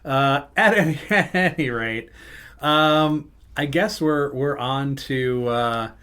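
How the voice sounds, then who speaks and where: A man's voice: mid-range voice, takes it slowly, bright, forceful tone, clear, resonant tone. A middle-aged man hosting a podcast, telling a rambling, self-interrupting road-trip story in casual chat. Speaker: podcast host.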